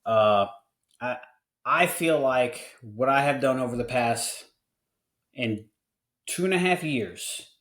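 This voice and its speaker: Male podcast host, 40, mid-pitched, candid and earnest, trips over his own words and restarts a lot. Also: animated, slow, long pauses, a bit bright, roomy sound. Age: 40s. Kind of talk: casual podcast conversation.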